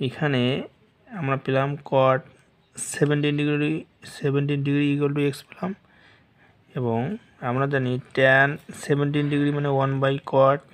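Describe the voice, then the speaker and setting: A man teaching a math lesson slowly and patiently, walking through each step and mixing English math terms into his speech. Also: medium pitch.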